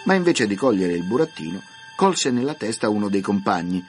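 Lively, low-voiced male storyteller. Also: fairly quick. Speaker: narrator. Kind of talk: scripted narration of a children's classic. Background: soft background music.

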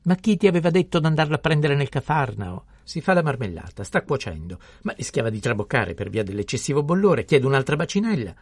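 A pompous village pharmacist scolding at the top of his voice, as a man reading an audiobook puts him on. His voice is raised well above a normal speaking pitch, with a gravelly, husky grain. The recording is dry and close. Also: level tone, moderate pace, dry recording, full character voice. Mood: furious ranting. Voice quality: shouting, scolding, indignant. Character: irate pompous male village pharmacist, middle-aged. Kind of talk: audiobook character voice.

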